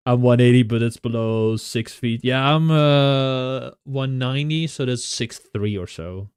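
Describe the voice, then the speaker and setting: Recorded cleanly in a studio with no room sound, a young Dutch streamer talks casually to viewers at a measured pace. His mid-range voice is smooth and a little mellow, carrying a Dutch accent, and he frequently laughs and starts sentences over.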